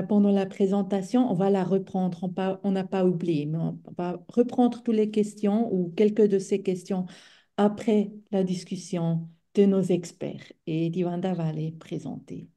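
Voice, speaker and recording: Slow, mellow woman with foreign-accented French. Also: mid-range voice, steady tone. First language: not French. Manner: halting, searching for words. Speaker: webinar co-facilitator. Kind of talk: explaining to webinar participants.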